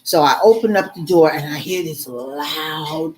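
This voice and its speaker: A middle-aged woman in casual storytelling mode, animated and fed up as she recounts what happened. Her voice sits a little low for a woman, and she keeps turning to the listener as "girl". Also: measured pace, vocal fry. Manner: animated, exasperated, addresses viewer as "girl". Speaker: vlogger.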